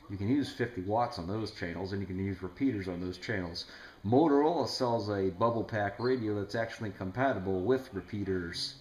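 Here a man with a fairly low, slightly mellow voice rambles casually over the radio as a ham operator, explaining things for a video. He's in an echoey room at home, and the recording has a bit of hiss or hum.

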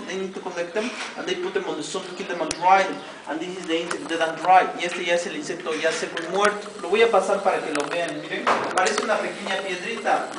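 A man with a Mexican Spanish accent guiding tourists through a weaving demonstration, explaining each step in Spanish and then repeating it in English. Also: high-pitched. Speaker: weaving cooperative guide. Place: weaving workshop with visitors. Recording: distant, roomy camera audio with background noise.

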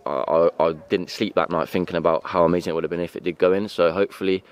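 Outdoors at night on the pitch, a young man who plays football answers post-match questions in an earnest, halting way, holding a handheld mic. He's a young adult, and his voice is smooth and steady.

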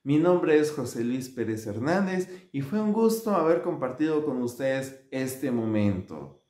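A man tells a fable to children in a slow, unhurried manner. His pitch swoops widely as he acts out the characters with sudden shouts. The room around him is echoey. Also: very animated. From Mexico. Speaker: children's musician and storyteller. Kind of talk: children's storytelling. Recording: roomy echo.

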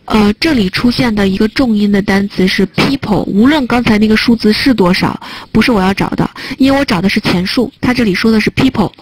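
A woman's voice: medium pitch, brisk, few pauses, breathy edge, poor audio. A woman teaching a test prep listening class online, chatting and joking as she types notes on a whiteboard. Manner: chatty, joking aside while typing on a whiteboard.

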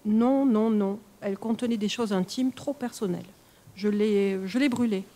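A woman reading the part of an anxious young woman who hesitantly pleads for money, in a mellow voice. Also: medium pitch, normal speed, lightly acted. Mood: flustered.

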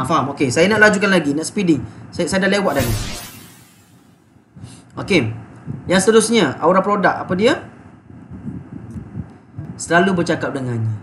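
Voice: mid-range voice, a bit bright, a little hiss or hum. A coach with a Malaysian Malay accent giving a live sales coaching talk in a chatty, fervent and emotional way, laughing often, recorded on a phone. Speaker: online business coach.

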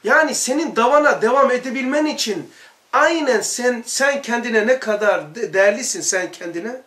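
A man teaching a religious study circle in a loose, conversational way, leaning on rhetorical questions and repeated lists. His voice sits high for a man. The room adds a clear echo around him. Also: expressive, moderate pace, pushed and bright. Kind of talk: informal religious lesson. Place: study hall. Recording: echoey room.

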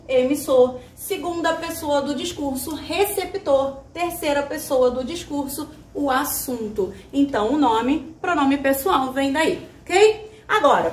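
A Brazilian woman teacher with a high voice gives a lively whiteboard grammar lesson. She is chatty and emphatic, drops in slang and answers her own questions. The sound is roomy, with the mic set back from her. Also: recorded from a distance. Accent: Brazilian Portuguese. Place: classroom with a whiteboard.

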